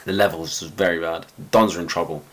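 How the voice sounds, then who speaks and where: A man hosting a casual football chat podcast, with a croaky, tired voice and a rambling, halting way of talking full of fillers. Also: sits low, steady tone. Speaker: podcast host.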